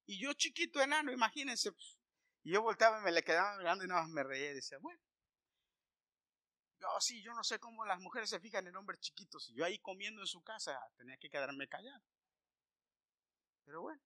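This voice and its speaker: A man preaching a sermon, telling a personal story and then building to loud, emphatic exhortation. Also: high voice, expressive, fast talker, no echo, clean studio sound.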